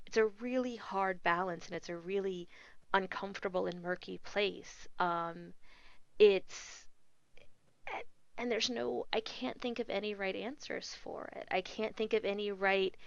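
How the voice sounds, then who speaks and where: A woman's voice: medium pitch, a little slow, vocal fry, dry recording. A woman co-hosting a casual podcast discussion, talking earnestly and hesitantly with many ums and restarts. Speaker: podcast co-host. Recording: dull lo-fi podcast audio.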